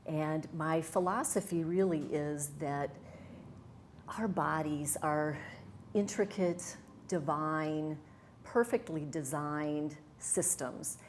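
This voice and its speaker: This middle-aged wellness coach from Wisconsin, USA, is a guest in a conversational interview, speaking earnestly and enthusiastically with fillers and restarts. Her voice is low and her pace slow, with a slight hiss or hum in the audio.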